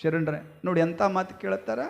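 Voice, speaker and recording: A man's voice: high voice, steady tone, fairly quick, gravelly. A man with a North Karnataka Kannada accent preaching a devotional sermon, folksy, telling stories and calling out to the women listening. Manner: folksy, addresses women as yavva, acts out story voices. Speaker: swami preacher.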